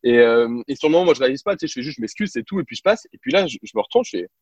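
A French man telling lively anecdotes in a casual interview, with lots of fillers and restarts. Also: medium pitch, racing, breathy edge, no echo, lo-fi sound. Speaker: guest, former basketball reporter.

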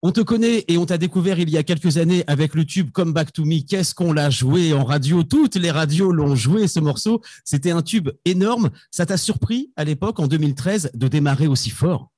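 A man hosting a music podcast, delivering prepared introductions and questions in a smooth, scripted way. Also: fairly high pitch, expressive, moderate pace, few pauses, a little mellow, no room sound, studio quality. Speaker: host. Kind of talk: scripted radio-style questions.

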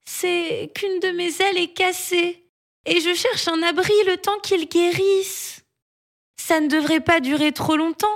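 Woman doing a tiny, high pleading bird. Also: steady tone, a little slow, creaky, full character voice. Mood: hopeful. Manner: polite, pleading. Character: small injured bird, timid, pleading.

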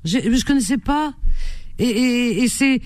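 A woman's voice: fairly high pitch, animated, a little slow, darkish tone, no echo. A woman hosting a call-in radio show, chatty, teasing and openly curious. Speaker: radio host. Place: radio studio.

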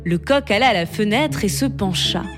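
A woman storyteller reading a bedtime fable aloud in a slow, expressive way. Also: mid-range voice, over music.

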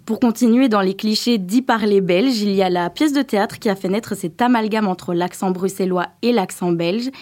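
A woman presents in a medium-pitched voice. Her delivery is informal and explanatory, like a radio-style talk. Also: moderate pace, hardly any pauses, a little mellow.

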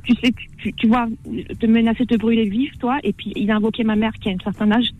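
A woman's voice: a little high, fairly even intonation, fast, darkish tone, rough recording. A woman calling in to a radio show, speaking earnestly and repeating herself. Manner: earnest and repetitive. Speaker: radio caller. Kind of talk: phone-in call.

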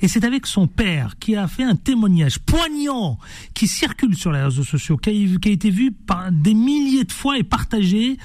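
A man hosting a radio show, talking in a playful, animated way and jumping from topic to topic. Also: high-pitched, normal speed, no echo, clean studio sound. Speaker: radio host. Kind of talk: lively radio show chat. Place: radio studio.

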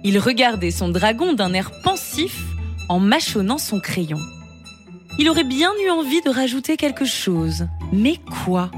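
A woman reads a children's story in an expressive storytelling voice. Her pitch sits slightly high and moves a lot. Music plays clearly underneath. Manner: expressive, lively reading.

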